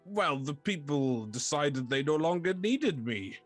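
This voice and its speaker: Man plays a lonely talking fortress, male, shy and formally polite, pitched higher than his own voice, lively tone. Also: unhurried, soft background music. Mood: wistful. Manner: politely formal and old-fashioned.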